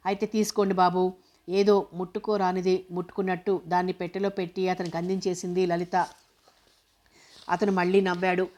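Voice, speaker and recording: A woman narrating a novel as an audiobook in a steady, even reading voice. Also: lowish voice, a little fast.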